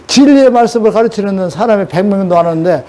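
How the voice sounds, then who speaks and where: A man's voice: sits high, warm tone. An older man preaching a sermon in a scolding way, throwing rhetorical questions at his audience.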